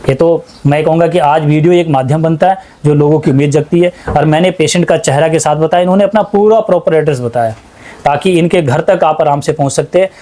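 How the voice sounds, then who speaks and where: A man who works as an ayurvedic practitioner gives an earnest testimonial in a small clinic, pressing his points with emphatic repetition. His voice is slightly high with a dark tone, and he talks briskly.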